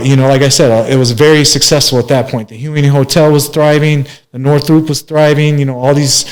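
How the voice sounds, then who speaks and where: The audio is poor, and the man's voice sits on the high side. He's a master barber in his forties from Minneapolis, telling his life story as a guest in a meandering way, with frequent fillers and restarts.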